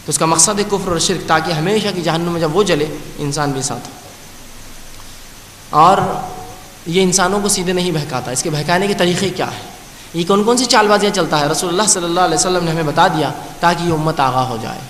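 A man preaching a sermon, slowly reciting scripture and then explaining it with repeated phrases. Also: fairly high pitch, fairly bright tone. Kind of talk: Urdu sermon with Quranic recitation. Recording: echoey hall with faint hiss.

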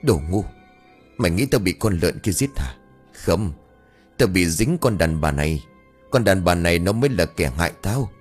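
A vengeful young man's ghost speaks through his sister's body in an audio horror story, put on by a male narrator. The voice is deep, husky and hoarse, and it snarls every word with contempt. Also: expressive, moderate pace, soft background music. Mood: contemptuous snarl.

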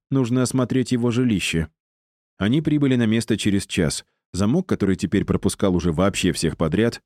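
A man narrating an audiobook in a measured, even reading. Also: sits low, dry recording, studio quality. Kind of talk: scripted narration.

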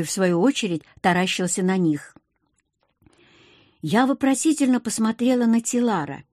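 Expressive woman narrating an audiobook. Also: medium pitch, no echo, studio quality. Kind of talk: first-person audiobook narration.

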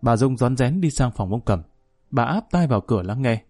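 A man narrates a story at a steady, even pace. His voice is warm and dark. The recording is close and dry. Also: mid-range voice, moderate pace, no echo, soft background music. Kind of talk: audiobook story reading.

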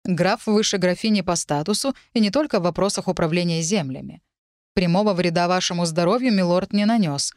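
A woman reading an audiobook, voicing a composed middle-aged guard captain who speaks in a measured, formal way. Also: on the low side, no echo, studio quality, natural voice. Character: composed fortyish male guard captain, authoritative.

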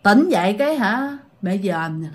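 In a mid-range voice with big pitch swings, a woman recounts a ghost story at a moderate pace. Her telling is chatty and informal, addressing listeners directly.

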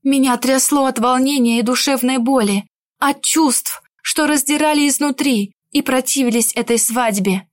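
A woman reading a first-person fantasy romance audiobook in an expressive, emotional way. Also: high-pitched, moderate pace, dry recording, clean studio sound. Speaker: audiobook narrator. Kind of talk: first-person scripted narration.

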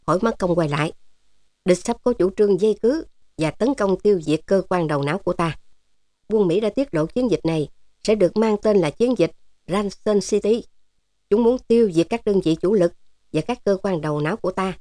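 A woman's voice: mid-range voice, warm tone, no room sound, natural voice. A woman voicing a jovial, teasing older male resistance officer in a storybook. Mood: fatherly. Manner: teasing, fatherly, joking.

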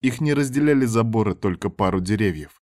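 A man narrating an audiobook chapter in a measured, even reading voice. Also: lowish voice, no echo, studio quality.

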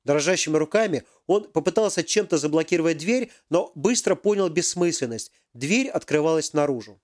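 Lively male audiobook narrator. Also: on the high side, brisk.

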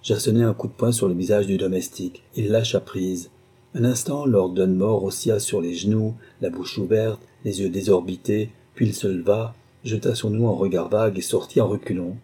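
A man's voice: on the low side, fairly even intonation, moderate pace, mellow, breathy edge. A man reading a short story aloud as narrator, with a dramatic, suspenseful delivery. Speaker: audiobook narrator.

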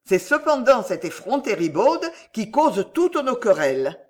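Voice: mid-range voice, big pitch swings, unhurried. A reader voicing a scheming young prince. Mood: scornful.

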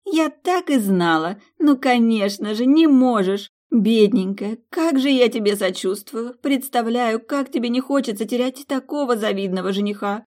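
A woman voicing Suzy, a tipsy young woman friend who teases sarcastically in a high voice. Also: lively intonation, normal speed, hardly any pauses, a little mellow, no echo, clean studio sound, close to an everyday voice. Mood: mocking.

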